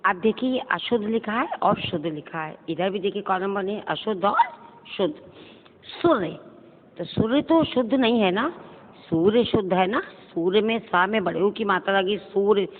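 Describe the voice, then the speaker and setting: A woman's voice: medium pitch, lively intonation, moderate pace. A woman teacher giving a grammar lesson, reading out words in wrong and right forms and checking whether the students follow. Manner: drills word pairs, wrong then right, with questions to students. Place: school classroom. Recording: tinny phone-like sound with long hall reverb.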